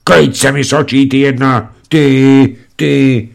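A man's voice: medium pitch, fairly even intonation, creaky, voice pushed up, close to an everyday voice. A man voicing a proud, melodramatic aristocratic father in a storybook reading. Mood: outraged. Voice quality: pompous, melodramatic. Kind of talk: audiobook reading.

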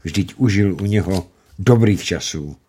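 A man narrating a classic story aloud in a measured, expressive way. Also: sits low, slight background noise.

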